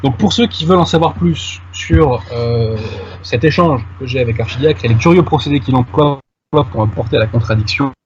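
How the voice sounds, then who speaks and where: A man's voice: mid-range voice, moderate pace, dull audio, slight background noise. A man making a detailed argument in conversation with a host, addressing him familiarly. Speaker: guest commentator. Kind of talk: conversational argument on a radio-style show.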